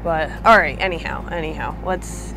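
Speaking at normal speed in a deep voice, this young woman addresses her viewers directly with chatty, upbeat vlog talk at an outdoor sawmill. The recording is rough, made on a camera mic a few feet off, and music plays over it.

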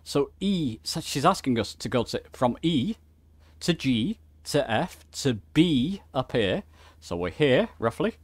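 Thinking aloud and correcting himself, a man hosts a laid-back flight simulator tutorial with informal screen-share commentary. His mid-range voice is slightly rough and sing-song, his pace unhurried, with no echo.

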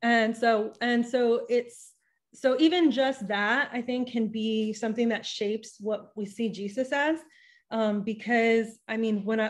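At a medium pitch, a young woman guests on a podcast via video call, talking into a studio microphone on a boom arm at home. Her room has a bookshelf and a patterned wall hanging. It's a casual interview where she reasons things out thoughtfully, restarts often, and gestures animatedly.

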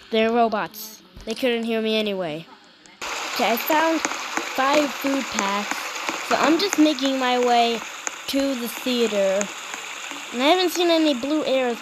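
Casting: woman gamer, slightly high voice, hushed and slow, on a noisy track with clicks. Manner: hushed, half-whispered talk. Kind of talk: gameplay commentary.

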